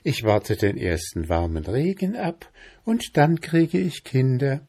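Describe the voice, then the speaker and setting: A tiny chanterelle mushroom, voiced by a man in a storybook, speaking in a high, squeaky little voice. He stays friendly and unbothered and lets the words move in wide, lively curves. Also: measured pace, breathy edge, full character voice. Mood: calm friendly.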